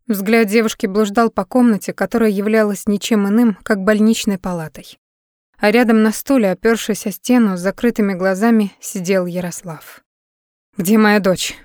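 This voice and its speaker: A woman's voice: mid-range voice, darkish tone, no room sound, studio quality. Woman narrating a dramatic audiobook.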